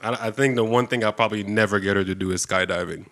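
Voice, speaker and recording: A man casually telling a long story in conversation, animated and laughing, acting out what people said. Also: lowish voice, fast talker. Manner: animated, laughing, acts out quotes.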